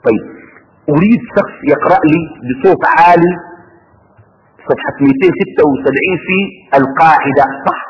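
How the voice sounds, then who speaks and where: A man's voice: a little high, fairly quick, slight background noise. A man teaching a class on creed, stopping to ask his students questions and having them finish his sentences. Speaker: religious teacher. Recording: dull lo-fi recording in a reverberant hall.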